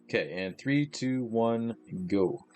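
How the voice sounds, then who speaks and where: A man's voice: mid-range voice, expressive, slow, darkish tone, faint music behind. A man chatting casually while he streams a game live, rambling and losing his train of thought. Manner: rambling, with many fillers and restarts. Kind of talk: casual live gaming chat.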